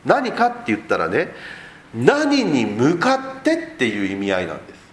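A man's voice: medium pitch, huge pitch swings, moderate pace. A man preaching a sermon as a pastor, explaining the text and asking rhetorical questions of the congregation. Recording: echoey room.

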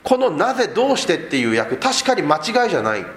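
A male pastor preaches with a high voice that swings up and down. He keeps asking his listeners rhetorical questions as he explains the passage. The sound is echoey, as in a reverberant room. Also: big pitch swings, quick pace, a bit bright. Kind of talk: sermon.

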